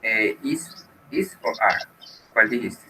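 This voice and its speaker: This is a man teaching an English lesson with a bright, forceful voice pitched a little low. He talks slowly and patiently, switching between Spanish and English as he walks a class through the exercises. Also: expressive, slight background noise, poor audio. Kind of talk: online class explanation.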